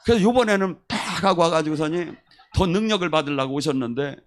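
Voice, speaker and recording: A man preaching a sermon as a pastor, telling testimony stories in an animated way and acting out the people he quotes. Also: a little high, brisk. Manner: animated storyteller who acts out quoted voices.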